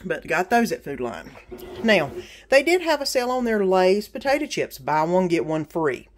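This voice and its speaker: A middle-aged woman chats casually through a grocery haul, pausing on ums and sale prices. Her voice sits a little low. She is recorded on a phone held over the counter in her home kitchen. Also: big pitch swings, a little hiss or hum. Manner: chatty, practical, with frequent ums and sale prices. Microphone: phone camera over a kitchen counter.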